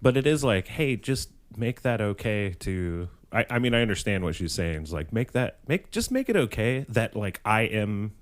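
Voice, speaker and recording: Jokey low-voiced man in podcast chat. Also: sing-song, moderate pace, hardly any pauses. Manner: jokey, rambling with many fillers. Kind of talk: casual chat.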